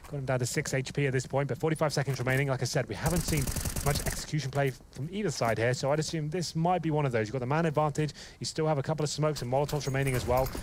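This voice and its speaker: A man's voice: a little high, background noise. A man commentating an esports match as a caster, giving flowing, analytical play-by-play.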